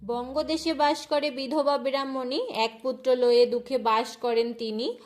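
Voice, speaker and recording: Softly chanting woman. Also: high voice, steady tone, a little slow. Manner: soft chanting of devotional refrains, rhythmic verse reading. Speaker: home puja instructor. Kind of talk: demonstrating a home ritual and reciting verses.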